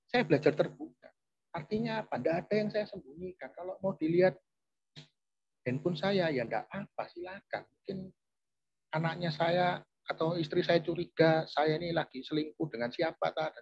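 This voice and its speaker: Guy giving a chatty sermon, kinda husky voice, slightly higher pitch, keeps talking right to the crowd. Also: no room sound, muffled recording. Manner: chatty, addresses audience often, restarts phrases. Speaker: preacher. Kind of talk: conversational sermon.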